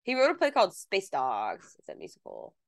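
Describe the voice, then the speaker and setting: A woman's voice: on the low side, wildly swooping pitch, brisk, creaky, dry recording, studio quality. A woman co-hosting a podcast in casual, teasing chat. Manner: chatty, teasing, reads bits aloud. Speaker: podcast co-host.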